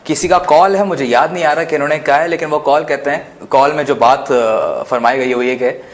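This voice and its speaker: A man's voice: fairly high pitch, brisk. A man with a Pakistani Urdu accent, a guest trainer, explaining earnestly with some hesitations on a talk show.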